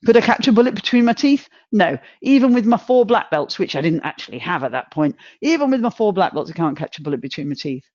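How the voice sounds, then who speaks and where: A middle-aged woman giving a humorous motivational talk, chatty and self-mocking, with sudden jumps in pitch. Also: very animated, quick pace, hardly any pauses, darkish tone, no echo, dull audio. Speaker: motivational speaker.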